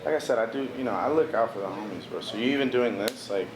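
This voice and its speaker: A young man with a medium-pitched voice speaks at a quick pace. He's a visual artist from the Washington DC area, appearing as an interview guest and chatting casually in a laid-back way, full of "bro" and "you know." The room is echoey, with noticeable background noise.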